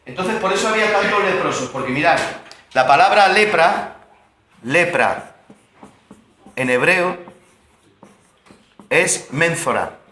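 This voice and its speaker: Bright-voiced pastor teaching in an echoey room. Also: male voice, high-pitched, animated, moderate pace, pauses often, slight background noise. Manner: explanatory, asks the audience questions. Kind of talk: Bible study teaching.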